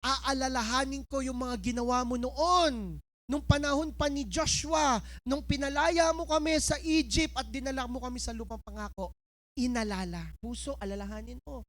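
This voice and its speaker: A woman pastor giving a lively, playful sermon, acting out a scene with someone in front of the church and reading scripture slowly. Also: high-pitched. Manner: animated, playful, switches between preaching and slow scripture reading. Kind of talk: lively sermon with a live demonstration.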